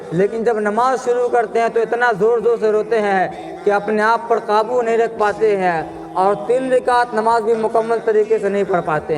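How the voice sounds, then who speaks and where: Male preacher, high tenor, fiery sermon delivery with forceful surges. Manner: fiery, impassioned preaching with rising loud passages.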